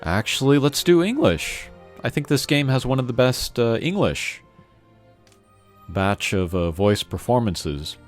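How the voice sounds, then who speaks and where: Over faint game music, a man gives laid-back let's-play commentary as he plays, rambling and opinionated in an informal way. His mid-range voice is expressive and a little slow.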